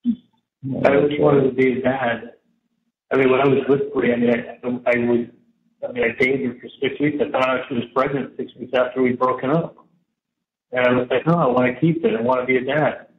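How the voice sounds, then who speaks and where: A man's voice: mid-range voice, fairly even intonation, fairly quick. Man on an echoey jail payphone. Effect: jail payphone line. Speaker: jail inmate calling his parents. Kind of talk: casual phone call. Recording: muffled, echoey, noisy payphone line.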